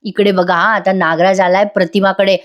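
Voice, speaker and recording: A woman's voice: medium pitch, flat delivery, fairly quick, muffled recording. A woman narrating a chatty voice-over review of a TV serial, talking straight to viewers. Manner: chatty, addresses viewers directly. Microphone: voice-over studio mic.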